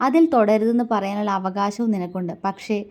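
A woman voicing a proud, bitter young husband who speaks in clipped, scornful questions, raised and forceful, in a storybook romance. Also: mid-range voice, fairly even intonation, brisk, close to an everyday voice.

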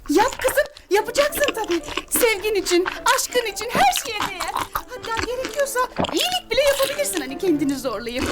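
A woman's voice: very high voice, sing-song, brisk, few pauses, loud music behind the voice. A woman acting in a family TV drama as a scheming, sugary wife and mother who exclaims theatrically. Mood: gleefully conspiratorial. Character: scheming, gushing wife and mother, openly wicked. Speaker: actor in a family drama series.

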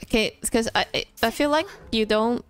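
While streaming a game, a young woman who grew up speaking Chinese chats informally, often restarting and filling gaps. Her fairly high voice is clear and resonant at a normal speed, and soft music can be heard.

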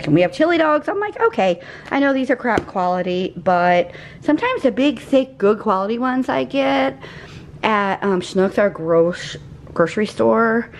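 A woman in her forties, her voice fairly high with a faint hiss or hum, chats casually in her home kitchen as she shows off her groceries. She's a vlogger doing a laid-back grocery haul, chatty and rambling, and she gets sidetracked easily.

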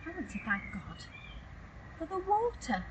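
Woman children's leader, gentle encouraging prayer, recorded outdoors from a distance with background noise. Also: high voice, wildly swooping pitch. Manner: slow, clear and encouraging. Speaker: children's holiday club leader. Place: outdoors in a garden by a tent.

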